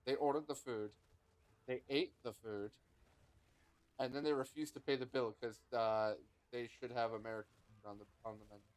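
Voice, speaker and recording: Man, game streamer, casual rambling chat, mid pitch, dry close sound. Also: fairly even intonation, moderate pace, no room sound, poor audio. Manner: laid-back, rambling, swears casually.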